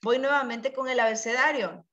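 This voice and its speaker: Woman, teacher, patient, repeats words, slightly high voice, bright tone. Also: moderate pace, lo-fi sound. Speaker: English teacher. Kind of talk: bilingual classroom lesson.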